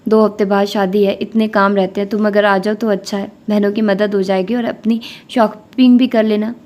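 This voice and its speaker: A woman's voice: medium pitch, little pitch movement, darkish tone, close to an everyday voice. A woman reading the lines of a tired, practical middle-aged mother in an audiobook novel. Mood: weary.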